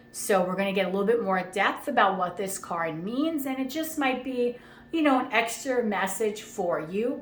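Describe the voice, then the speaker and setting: A woman's voice: medium pitch, a bit bright. A woman reading tarot cards in a chatty, reassuring way, often checking in with the listener. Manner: chatty, reassuring, frequent "okay?" check-ins. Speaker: tarot reader. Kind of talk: casual tarot reading monologue. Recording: echoey room with faint ambient noise.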